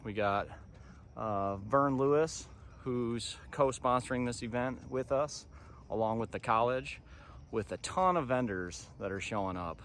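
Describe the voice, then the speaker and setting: A man's voice: medium pitch, a little slow, a bit bright. An American man in his thirties talking informally to camera as a vlog host, recapping things conversationally. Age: 30s. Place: outdoors, park path and parking lot. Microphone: phone at arm's length. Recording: faint outdoor background noise.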